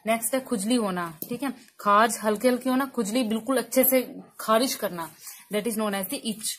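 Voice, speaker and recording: A woman's voice: on the high side, normal speed, fairly bright tone. A woman teaching English vocabulary in Hindi, asking each word as a question and answering it herself.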